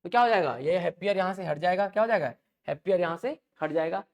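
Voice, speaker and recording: A man's voice: high voice, expressive, fast. Male tutor, teaching grammar by asking questions and repeating the answers. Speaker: English teacher. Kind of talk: classroom lecture.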